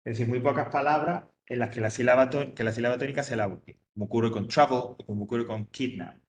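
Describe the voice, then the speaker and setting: A man's voice: mid-range voice, quick pace, reverberant. A man teaching English grammar to an adult class, patiently repeating each point step by step. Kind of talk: classroom explanation.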